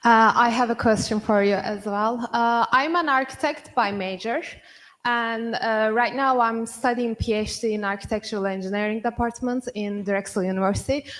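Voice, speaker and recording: A young woman, an audience member at a conference asking a long question, halting and searching for words. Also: on the high side, fairly even intonation, fairly bright tone. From Turkey. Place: conference hall.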